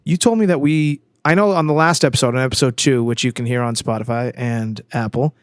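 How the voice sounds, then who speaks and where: A young man co-hosting a casual podcast, joking in quick banter. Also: mid-range voice, fairly even intonation, no room sound, clean studio sound. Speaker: podcast co-host. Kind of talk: casual chat.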